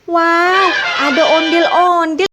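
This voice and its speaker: A woman with a very high voice hosts for small children at an unhurried, stretched-out pace. She is playful and full of exclamations, in the manner of a kids' party magician. She speaks straight to her young viewers as friends. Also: steady tone, heavy background noise. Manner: addresses young viewers as friends, frequent wows. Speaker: children's toy video host.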